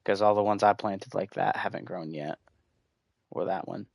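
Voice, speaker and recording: Low-voiced man chatting while gaming. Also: steady tone, moderate pace, creaky, dry recording. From United States. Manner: rambling, chatty, addresses viewers as guys. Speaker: gaming streamer. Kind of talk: casual gameplay commentary.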